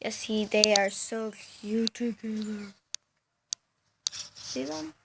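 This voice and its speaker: A woman's voice: mid-range voice, takes it slowly, gravelly, background noise. A female amateur vlogger chatting casually to a pet cat in baby talk, cooing and scolding.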